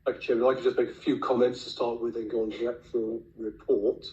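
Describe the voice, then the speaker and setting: A man with a hoarse, raspy, failing voice, speaking bluntly as a councillor at a formal meeting. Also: medium pitch, little pitch movement, fast, dark tone. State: losing his voice. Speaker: county councillor. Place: indoor council meeting room. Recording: echoey meeting room, muffled lo-fi sound.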